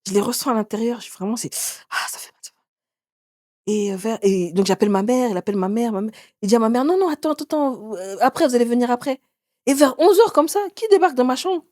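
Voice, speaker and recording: A woman in her forties, an author and interview guest, telling her own story in a lively way and acting out what others said. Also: quick pace, dry recording, studio quality. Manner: animated, acts out others' words with sudden pitch jumps.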